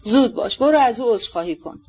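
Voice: mid-range voice, animated, darkish tone, husky, voice pushed up. A narrator voicing an anxious young woman who urgently pleads with her brother, in a dull lo-fi audiobook recording. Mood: alarmed. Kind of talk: audiobook character reading.

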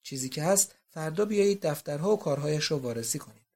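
A reader doing a soft-spoken young society wife. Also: female voice, sits low. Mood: assured. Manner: soft, confiding. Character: young society wife, self-assured and affectionate. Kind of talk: audiobook reading.

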